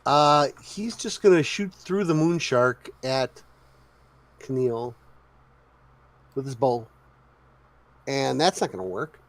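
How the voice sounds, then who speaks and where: A man acting as game master, narrating a tabletop game with relaxed, chatty rulings. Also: mid-range voice, takes it slowly, pauses often, no echo.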